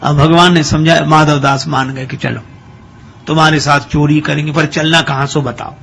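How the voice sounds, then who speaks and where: A male preacher spinning a comic devotional tale in a chatty, storytelling way. His voice sits a little high and has a gravelly rasp. A faint hiss of noise runs under it. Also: steady tone, normal speed, a bit bright. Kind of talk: humorous devotional storytelling sermon.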